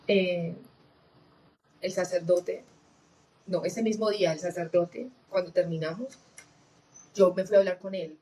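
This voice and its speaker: A woman telling her personal testimony in an earnest, reflective way, often pausing with fillers and restarting her sentences. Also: on the low side, mellow, poor audio. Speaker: guest giving a testimony.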